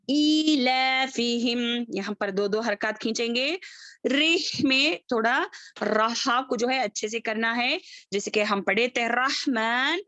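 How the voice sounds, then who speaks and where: A woman teaching an online tajweed class over a video call, drawing out syllables in slow repeated recitation drills and checking in often with her students. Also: on the high side, a bit bright, dry recording.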